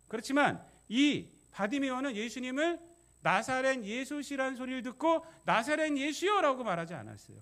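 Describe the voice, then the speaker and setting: A man's voice: extremely high pitch, fairly bright tone. A male pastor preaching a sermon, emphatic, repeating key phrases and putting questions to the congregation.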